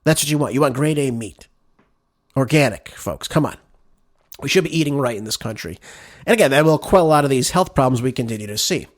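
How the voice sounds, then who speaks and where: A man's voice: medium pitch, animated, a little fast. A man hosting a political talk show, delivering combative, sarcastic solo commentary and calling his listeners "folks.".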